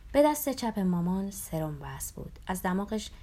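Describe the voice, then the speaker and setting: A woman narrating a memoir aloud in a calm, somber storytelling voice, sometimes dropping to a whisper. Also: mid-range voice.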